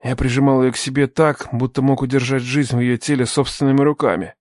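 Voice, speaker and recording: Brief: male narrator, mid-pitched, reading a tense thriller audiobook, dry close sound. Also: steady tone, brisk, no echo. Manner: tense first-person narration, shouting dialogue lines.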